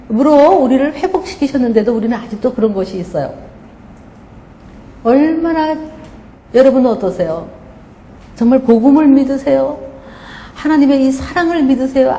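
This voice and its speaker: Woman preaching in an echoey hall. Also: high voice. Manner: animated storytelling, acts out scolding voices. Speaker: pastor. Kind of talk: sermon. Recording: echoey hall, faint background noise.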